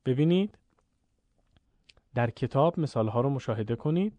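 A man teaching Quran recitation, explaining rules clearly and then chanting the examples slowly and drawn out. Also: mid-range voice, lively intonation, dark tone, no room sound, lo-fi sound. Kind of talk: recorded recitation lesson.

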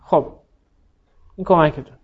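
A man teaching Arabic grammar in a class, quizzing students by name and praising their answers patiently. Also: phone-quality sound. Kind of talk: classroom lesson, drilling students.

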